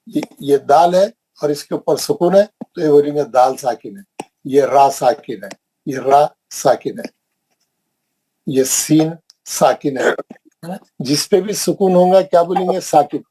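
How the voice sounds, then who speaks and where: Man teaching quran recitation online, husky mellow voice, keeps asking the class questions. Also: on the high side, low-quality recording. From India. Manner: repetitive, questioning, drilling the class.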